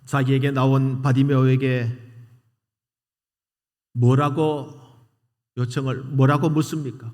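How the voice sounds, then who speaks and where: Korean pastor preaching with dramatic storytelling. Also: male voice, medium pitch, in a large hall. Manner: dramatic storytelling with loud quoted cries. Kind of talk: sermon. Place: church sanctuary.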